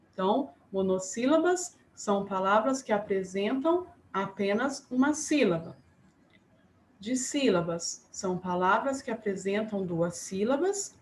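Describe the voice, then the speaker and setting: Slow, patient woman teacher. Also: medium pitch, a little mellow. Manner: slow, patient, spells out syllables. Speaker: primary school teacher. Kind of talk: remote class lesson. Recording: echoey room, faint background noise.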